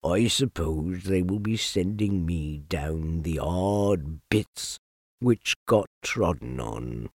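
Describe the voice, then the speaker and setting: A man voicing a gloomy, sarcastic old male donkey in a storybook reading, with a low, slow, mournful drawl. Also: a little mellow, husky, no room sound, studio quality, exaggerated voice.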